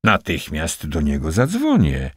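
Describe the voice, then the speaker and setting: A man reading the lines of a calm, composed male officer in an audiobook, measured and steady. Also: a bass voice, slightly rough, dry recording, studio quality, exaggerated voice.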